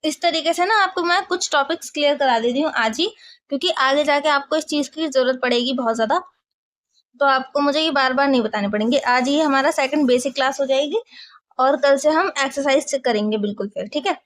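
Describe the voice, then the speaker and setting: A woman's voice: high-pitched, a little fast. A woman teaching a maths lesson, explaining step by step and often asking if the class follows.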